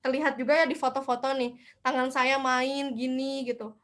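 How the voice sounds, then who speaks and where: A woman's voice: high-pitched, level tone, normal speed, fairly bright tone. A young woman giving a casual online lecture, chatty, asking herself questions and answering them. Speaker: speaker at a student seminar.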